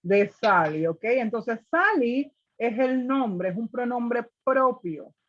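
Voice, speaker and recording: A woman's voice: on the high side, expressive, takes it slowly, dull audio. Patient woman teacher on a video call. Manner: patient, step by step, often checking with "ok?". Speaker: English teacher. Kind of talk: online class explaining grammar, mixing Spanish and English.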